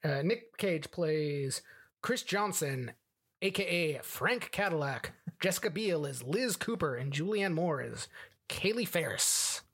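A man's voice: a little high, animated, unhurried, fairly bright tone, slightly rough. Rambling man co-hosting a movie podcast. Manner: rambling, full of "like" and "you know". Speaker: podcast co-host. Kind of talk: casual chat.

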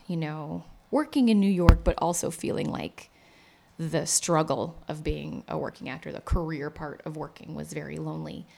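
Chatty woman guest, actor-playwright; low, rambling conversational read. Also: vocal fry, a little mellow. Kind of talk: casual interview chat.

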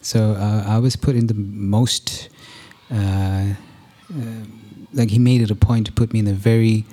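Candid man a mellow, dark voice. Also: fairly low pitch, level tone, a little slow. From India. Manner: candid and profane, self-deprecating, many fillers. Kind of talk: casual conversation.

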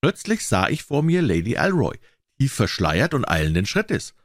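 A man narrating a classic story as an audiobook reader, with expressive, varied intonation. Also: medium pitch, moderate pace, no echo, clean studio sound.

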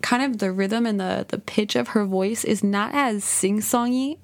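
A woman's voice: mid-range voice, a little slow, no room sound. Give me a young woman hosting a podcast, enthusiastic and chatty, recorded dry. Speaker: podcast host. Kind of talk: podcast explainer.

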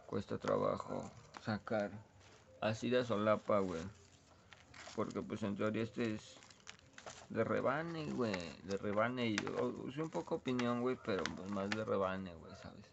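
Gravelly young Mexican guy rambling. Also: lowish voice, big pitch swings, a little slow, lo-fi sound, background noise. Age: young adult. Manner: laid-back and rambling, heavy with slang. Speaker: vlogger. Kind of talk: casual slangy rambling chat. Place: his bedroom.

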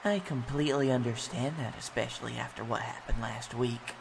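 A man's voice: medium pitch, fairly even intonation, brisk, vocal fry, noisy background, natural voice. An actor playing a bitter young male wrestler who rants and sneers at his father. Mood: furious. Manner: ranting, shouting and sneering.

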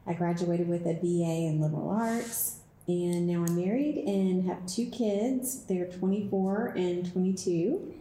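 A woman in her forties from Dallas, a company co-founder answering interview questions in a relaxed, plain-spoken way. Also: on the low side, measured pace, reverberant, a little hiss or hum, poor audio. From Dallas, Texas. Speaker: business co-founder, guest. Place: office.

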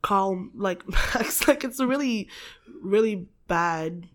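A woman's voice: medium pitch, lively intonation, slow pace. A woman from the Philippines chatting casually as a podcast guest, laughing often, swearing freely and filling gaps with um and like. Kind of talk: casual chat.

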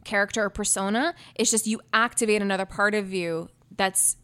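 A woman's voice: mid-range voice, steady tone, a little fast, fairly bright tone, smooth. A young Canadian woman co-hosting a casual podcast, chatty and digressive, often checking that her point lands. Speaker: podcast co-host. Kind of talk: casual chat.

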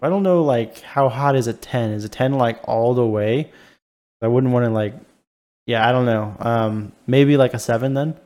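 Male co-host, easygoing chat, mid-pitched voice, lots of "like" and "um". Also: moderate pace, darkish tone. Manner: hesitant, full of "like" and "um". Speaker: podcast co-host. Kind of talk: casual chat.

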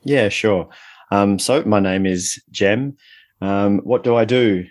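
A man's voice: lowish voice, slow, no echo. A middle-aged man speaking reflectively as an interview guest, explaining and telling stories in a conversational way. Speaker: interview guest, leadership coach.

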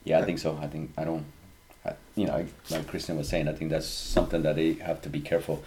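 A man with an extremely deep voice taking part in a casual podcast chat. He speaks hesitantly and keeps restarting his sentences before finding the thought. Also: level tone, fast, noisy background. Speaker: podcast panelist.

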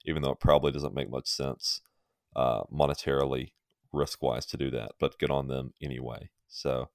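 A man's voice: very deep voice, no room sound, clean studio sound. A man co-hosting a sports podcast in a casual, opinionated way, often laughing. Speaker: podcast co-host.

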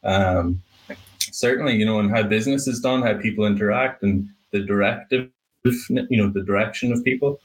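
A young Irish man who owns a painting business answers podcast interview questions reflectively as a guest, using many fillers and restarts. His voice is fairly low and moderately paced, and the recording quality is poor.

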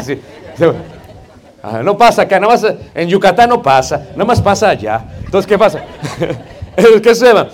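A man with a Mexican Spanish accent preaching a sermon in a conversational, joking way, often calling out to the congregation. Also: high-pitched. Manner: conversational, joking, keeps addressing the congregation as brothers.

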